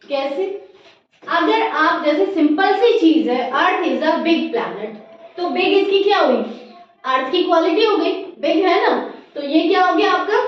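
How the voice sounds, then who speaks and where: A woman teacher explaining grammar slowly in a classroom lesson, often checking whether her students have understood. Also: very high voice. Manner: addresses listeners as "beta" in a motherly teacher way. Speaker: English teacher. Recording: echoey room, distant mic, dull sound.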